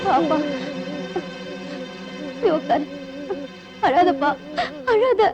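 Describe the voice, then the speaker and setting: A pleading, high-voiced poor mother. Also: expressive, very slow, full character voice. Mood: tearful. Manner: pleading, emotional. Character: poor, long-suffering housemaid mother. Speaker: housemaid and mother. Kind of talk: Tamil film acting. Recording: dull film soundtrack with music.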